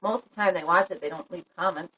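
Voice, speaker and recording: A woman's voice: fairly low pitch, fast talker, bright, forceful tone, husky, low-quality recording. A woman live-streaming a casual chat to her viewers, talking frankly and laughing often. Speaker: livestream vlogger.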